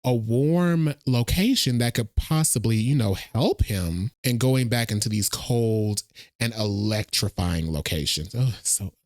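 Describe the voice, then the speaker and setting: A man hosting a casual trailer reaction, chatty and animated, thinking out loud as he watches. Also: on the low side, measured pace, no echo, clean studio sound. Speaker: reaction video host.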